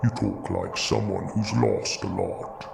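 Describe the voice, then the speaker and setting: Frankenstein's monster, extremely deep and gravelly. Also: male voice, very animated, music in the background, full character voice. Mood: wounded, yearning. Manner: slow, brooding, solemn. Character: Frankenstein's monster, bitter grieving philosophical male creature, ancient at heart. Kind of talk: audio drama dialogue. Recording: clearly noisy background ambience.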